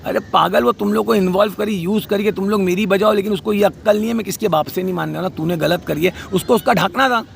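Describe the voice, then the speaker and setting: A man's voice: high voice, quick pace, creaky, few pauses, a little hiss or hum. A man delivering a heated, scolding rant about a family dispute, outdoors by a street. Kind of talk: angry spoken rant.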